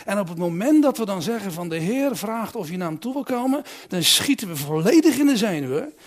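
Animated, high-voiced male preacher. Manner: swings between loud emphatic calls and quiet reflective asides; asks the congregation direct questions. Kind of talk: sermon.

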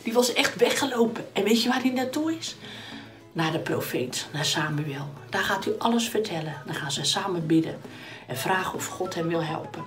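A woman tells a Bible story to children, talking to them directly and acting out the action. Her voice swings widely and animatedly, with soft music faintly behind. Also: lowish voice, animated, normal speed.

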